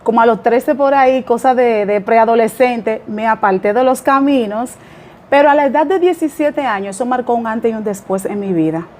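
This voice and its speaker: Her voice sits fairly high and moves at a moderate pace as this Dominican woman pastor recounts her life in a podcast interview. She speaks with a Dominican Spanish accent, humble and talkative, sprinkling in light laughter and filler words.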